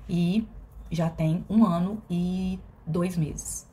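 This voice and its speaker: A woman's voice: fairly low pitch, steady tone, drawn-out words, mellow. Reflective mineira woman, hesitant speech. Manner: reflective and hesitant, with many fillers and restarts. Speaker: vlogger. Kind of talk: personal confessional vlog.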